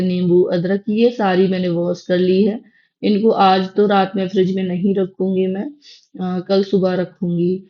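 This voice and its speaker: A woman's voice: mid-range voice, dull audio. A young woman vlogging casually about her home routine, chatting homely and directly to her viewers. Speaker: vlogger, mother. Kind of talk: casual vlog narration.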